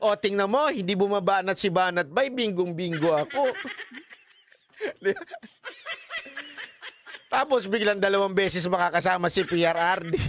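A man's voice: high voice, moderate pace, pauses often, fairly bright tone, slight background noise. A man hosting a casual political commentary stream, teasing his viewers and laughing often. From Philippines. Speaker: political vlogger host.

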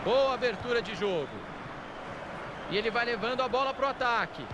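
A Brazilian play-by-play football announcer in a video game. His voice is very high-pitched for a man, and loud stadium noise surrounds it. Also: expressive, moderate pace. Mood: engaged. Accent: Brazilian Portuguese. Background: loud stadium crowd ambience.

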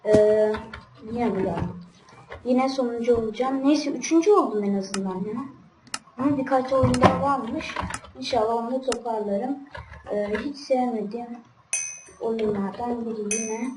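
A gaming channel host gives casual let's-play commentary in a fairly high voice at a measured pace. She grumbles, gets frustrated easily, and talks straight to her viewers. The mic is distant and the room sounds roomy, with background noise.

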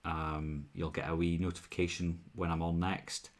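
This young man's voice sits low, and he speaks at a normal speed with a flat delivery. Hailing from Wales and carrying a mild Welsh accent, he hosts a casual whisky livestream at home, chatting and replying to viewers through a wired earphone mic. Behind him in the small room, bottles sit on a shelf.

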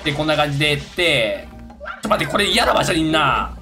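Excitable man narrating a game playthrough. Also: a little high, fast talker, over music. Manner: excitable, talks to himself while playing. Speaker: gaming YouTuber. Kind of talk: casual let's-play commentary.

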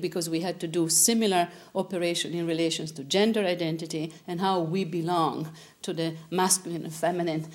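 Woman philosopher, lower voice. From Italy. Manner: animated, gesturing, frequent restarts. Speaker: interviewee, philosopher. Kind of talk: discursive interview answers. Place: TV studio with curtain backdrop.

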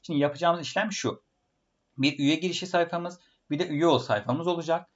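Fast-talking man through a fuzzy laptop mic. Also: a little high, lo-fi sound. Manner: friendly, addresses viewers as friends. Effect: distorted fuzzy sound. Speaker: programming course instructor. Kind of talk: online coding lesson wrap-up. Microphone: built-in laptop microphone.

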